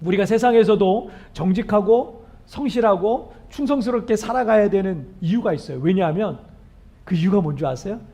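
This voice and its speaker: A male pastor with a dark tone preaches at a normal speed, earnest and emphatic, often asking the congregation questions. His voice is weakened and hoarse, cracking on high notes.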